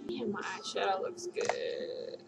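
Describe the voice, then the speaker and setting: A young woman with a mid-range voice and vocal fry drawls slowly over loud music. She's tipsy and giggly, casually rambling through a makeup tutorial at home in her living room. The webcam recording carries background noise.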